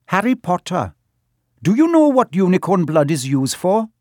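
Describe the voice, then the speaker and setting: A man's voice: sits high, very animated, normal speed, darkish tone, no room sound, studio quality, pitched above the performer's own voice. A man voicing a young male centaur in an audiobook, noble and grave, with a formal, earnest, emphatic delivery. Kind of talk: audiobook character voice.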